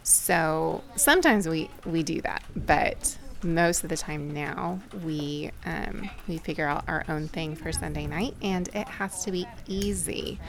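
A woman in her thirties hosting a casual podcast, telling stories in a relaxed, reflective way. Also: sits low, a little slow, vocal fry, few pauses. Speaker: podcast host.

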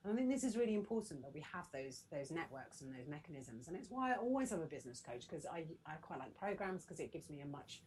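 A middle-aged woman, a business coach, chatting as a podcast guest in a lively, animated way. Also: low voice, quick pace, few pauses, slight background noise, poor audio. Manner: chatty and animated, laughs often. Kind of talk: casual podcast conversation.

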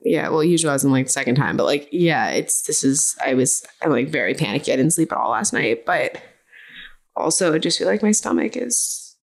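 Tired, raspy low-voiced woman host. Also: lively intonation, normal speed. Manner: chatty, rambling, restarts sentences. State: tired, winded. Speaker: podcast host. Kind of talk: solo podcast intro then casual chat.

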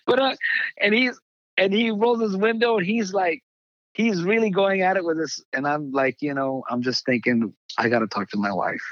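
An older man, a pastor, telling a personal testimony in halting conversational speech, acting out the voices he quotes. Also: sits high, a bit bright, no echo, highs cut off. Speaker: pastor, guest.

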